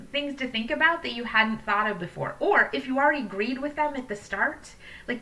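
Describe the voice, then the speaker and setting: Bright-voiced upbeat woman teacher, distant mic. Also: a little high. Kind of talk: casual recorded lesson for students. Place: indoor room at home. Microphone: computer webcam mic at a distance. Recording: distant webcam microphone sound.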